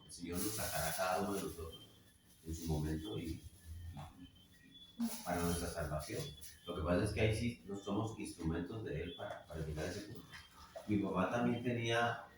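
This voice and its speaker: A lowish male voice delivers a sermon in a church hall, often checking in with the congregation. He is from Colombia. The sound is distant and strongly echoey, with faint background noise. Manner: frequent questioning "¿sí?" to congregation. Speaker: preacher. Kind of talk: sermon with personal story.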